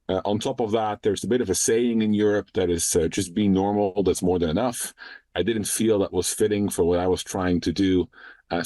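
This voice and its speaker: A man in his thirties from the Netherlands, a startup founder talking in a podcast interview, measured and full of "uh" and "um". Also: deep voice, dark tone, no room sound. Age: 30s. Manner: measured, frequent "uh" and "um" fillers.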